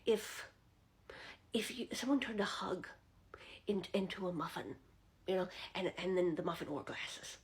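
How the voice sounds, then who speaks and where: A woman voicing a giddy, eccentric grown man next door who talks in a hushed, breathy, halting way. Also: fairly low pitch. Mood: eager, hushed. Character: giddy, odd grown man neighbor, eager.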